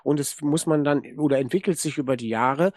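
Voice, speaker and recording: A man making an earnest, measured point in a conversation, sometimes pausing to find his words. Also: a little high, a little mellow, no echo, clean studio sound. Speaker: discussion participant. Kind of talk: conversational contribution.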